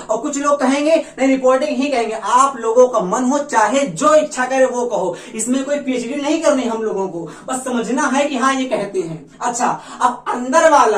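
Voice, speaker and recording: A woman teaching English to a room of students, with a fairly high voice. She drills each point again and again and coaxes the class along, calling them "child". She sounds far from the mic, in a room that echoes. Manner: repetitive, coaxing, calls students "child". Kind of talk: classroom lecture.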